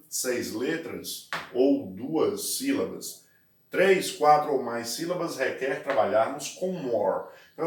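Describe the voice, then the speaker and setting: Brazilian man, English teacher on video, slow and deliberate, roomy sound. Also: medium pitch, recorded from a distance. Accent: Brazilian Portuguese. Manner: explains step by step, slows down to spell and stress words. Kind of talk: recorded video lesson.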